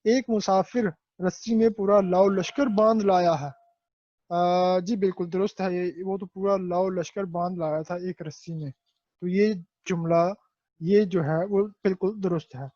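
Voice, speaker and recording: Man with pakistani urdu accent, teacher, high voice, repeats words to drill pronunciation, dull muffled sound. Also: steady tone, dark tone, no room sound. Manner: asks and answers his own questions. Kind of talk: classroom lesson explaining a textbook exercise.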